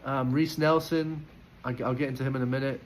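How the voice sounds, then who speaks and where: A man talking through player ratings in a loose, opinionated reaction style. He stops and restarts his sentences often and fills the gaps with ums. His voice sits at an ordinary middle pitch, with a faint hiss under it. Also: fairly even intonation, a little fast, rough recording. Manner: chatty, opinionated, lots of fillers and restarts. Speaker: football fan giving player ratings. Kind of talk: casual post-match reaction.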